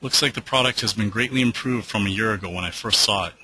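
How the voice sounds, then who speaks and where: A deep-voiced man with a sharp, forceful tone hosts a live trading webinar and answers viewer questions. He talks loosely, with plenty of fillers and restarts, and is losing his voice. A faint hiss sits under his computer mic. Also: fast, poor audio.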